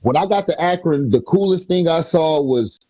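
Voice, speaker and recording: A man's voice: a little high, lively intonation, moderate pace, dark tone, slightly rough, no room sound. A man in casual podcast chat, telling laid-back, rambling stories. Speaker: podcast speaker. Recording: dry, dull lo-fi sound.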